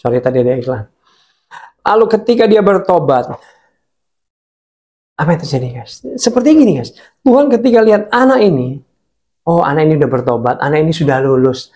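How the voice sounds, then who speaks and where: A man preaching a casual sermon, telling a story in an animated way and talking straight to his viewers. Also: on the high side, a little fast, long pauses.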